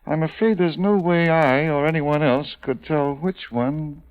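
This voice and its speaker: Man acting, clinical police doctor, crisp medium-pitched voice, polite delivery, 1940s radio drama, dull AM sound. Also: unhurried, natural voice. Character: precise, unflappable male police doctor. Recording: muffled 1940s AM radio recording.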